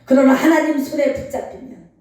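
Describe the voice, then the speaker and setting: A woman pastor with a high, mellow voice preaches an animated storytelling sermon, laughing as she acts out scenes. She is heard from a distance, with heavy reverb from the church hall. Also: fairly quick. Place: church sanctuary. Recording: echoey hall, distant mic.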